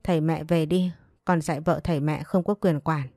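A woman's voice: sits low, steady tone, normal speed, mellow, no room sound, studio quality, soft background music. A woman reading as a cruel young husband. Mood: defiant. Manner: contemptuous, spiteful.

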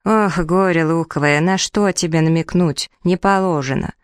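A woman voicing a grumpy, preachy magic hut on chicken legs with a creaky, unpleasant voice. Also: on the low side, fairly even intonation, moderate pace, no room sound, studio quality, lightly acted. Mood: grumbling. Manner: nagging and preachy.

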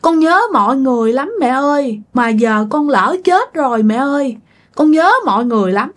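A woman's voice: sits high, expressive, measured pace, pitched above the performer's own voice. A woman doing a weeping young ghost. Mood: tearful. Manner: pleading, crying. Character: ghost of a young man, tearful and longing.

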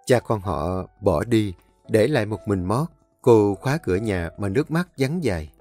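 A man narrating an audiobook in a steady storytelling manner. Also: fairly low pitch, moderate pace, faint music behind.

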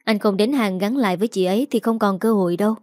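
A woman voicing a brisk young woman who scolds and nudges her brother. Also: mid-range voice, darkish tone, no echo, studio quality, lightly acted. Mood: scolding.

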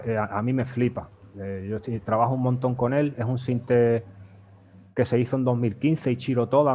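A man casually walking through his music software setup, explaining step by step, with frequent fillers and restarts. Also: medium pitch, slight background noise. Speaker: guest music producer. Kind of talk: casual demo walkthrough.

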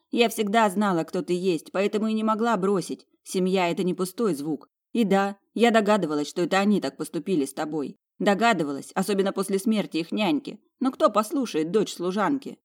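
A woman's voice: medium pitch, fairly quick, hardly any pauses, lightly acted. A woman voicing a fierce, protective older sister in an audiobook, speaking harshly and bitterly. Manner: harsh, forceful.

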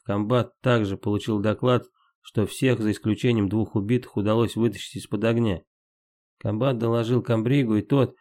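A man's voice: fairly low pitch, warm tone. A man reading a first-person war memoir aloud in terse, matter-of-fact, clipped sentences.

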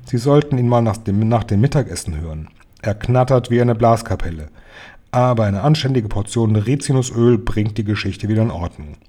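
A blustering middle-aged hotel guest who bellows and grumbles at everyone, as a man reading a storybook puts him on. The voice sits dark and a little husky. He is irritable and pushy in every sentence. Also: on the low side, lively intonation, brisk.

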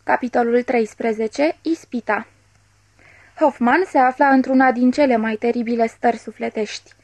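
A woman reading a classic novel aloud as an audiobook narrator, measured and expressive, voicing the dialogue. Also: on the high side, no echo. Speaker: audiobook reader.

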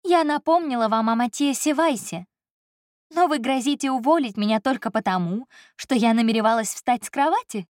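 A woman narrator voicing a young, anxious and sharp-tongued woman, in a raised, brisk and teasing tone. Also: fairly high pitch, no echo, clean studio sound, voice pushed up, close to an everyday voice. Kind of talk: audiobook character voice.

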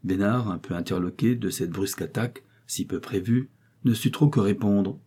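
A man narrating a novel as an audiobook reader in a measured, even way. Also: on the low side, breathy edge. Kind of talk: scripted narration.

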